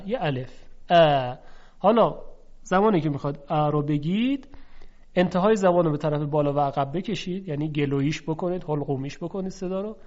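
A man teaching Quran recitation, explaining carefully and sounding out letters slowly to contrast them. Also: a little high, darkish tone. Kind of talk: instructional lesson. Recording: dull lo-fi recording.

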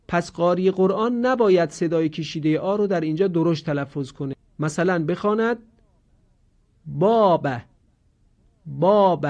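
Male recitation teacher, slightly high voice, deliberate stretched examples, dull lo-fi recording. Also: a little mellow. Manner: slow, deliberate drawn-out model words between explanations. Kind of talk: instructional lesson on Quranic pronunciation. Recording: dull lo-fi audio.

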